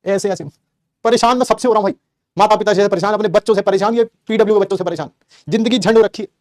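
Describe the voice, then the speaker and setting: Middle-aged male teacher telling stories in class, high-pitched and quick, joking, dry close sound. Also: dry recording. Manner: animated, joking, acts out family quotes. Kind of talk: storytelling aside in a class lecture.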